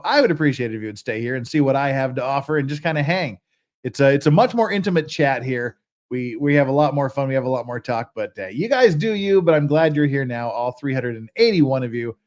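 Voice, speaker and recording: An American man hosting a casual livestream, chatty and joking, often stopping himself mid-sentence. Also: on the high side. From United States. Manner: chatty, self-interrupting, joking. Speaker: livestream host.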